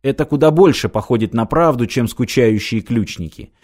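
A man reading the lines of a patient, doubtful detective in an audiobook, quiet and measured. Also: medium pitch, lively intonation, lightly acted.

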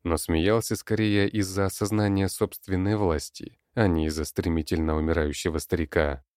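A man with a very low voice narrates an audiobook in a steady, dramatic way. The recording is dry, with no room sound. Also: moderate pace, dry recording.

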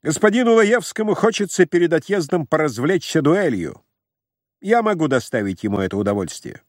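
Man doing a calm, contemptuous zoologist. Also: fairly high pitch, fairly quick, no room sound, clean studio sound, pitched above the performer's own voice. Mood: cold disdain. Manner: calm, cutting, mocking.

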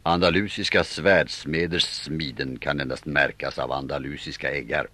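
A man voicing a stern male Viking seafarers' chief, calling out loudly. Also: a bass voice, steady tone, dry recording, heavily acted. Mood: steady. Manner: stern, raised calls.

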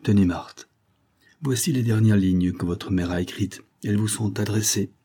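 A man reading a gentle, anxious old father. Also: on the low side, steady tone, moderate pace, slightly rough. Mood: earnest, impassioned.

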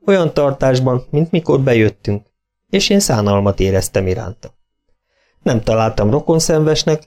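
A man reading an audiobook in a steady, measured narrating voice. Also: mid-range voice. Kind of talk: scripted narration.

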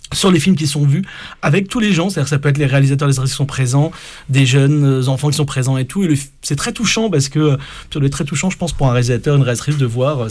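A man's voice: mid-range voice, darkish tone. A man hosting a radio show, chatting casually with many fillers and restarts.

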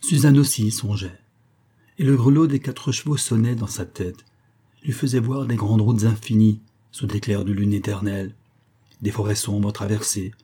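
Un homme lit un roman classique en livre audio, sur un ton posé et expressif. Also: male voice, lowish voice, slightly rough. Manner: measured, expressive literary reading. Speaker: narrator. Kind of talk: audiobook reading of a classic novel.

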